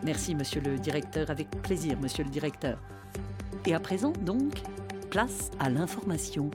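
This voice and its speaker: A woman putting on a deep, formal female radio announcer voice. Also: expressive, moderate pace. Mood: solemn. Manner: solemn, stiff announcer delivery. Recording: loud music under the voice.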